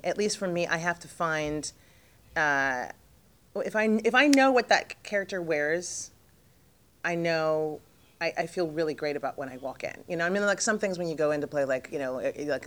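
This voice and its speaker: A jet-lagged, middle-aged actress with a low voice is the guest in a casual interview. She rambles, filling her speech with fillers and restarts.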